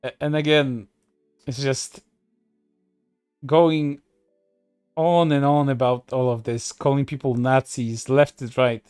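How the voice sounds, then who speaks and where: A man's voice: medium pitch, steady tone, takes it slowly, long pauses, a little mellow, clear, resonant tone, no room sound, faint music behind. Sarcastic male streamer, dry close sound. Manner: sarcastic and profane, frequent fillers and restarts. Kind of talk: commentary on online posts.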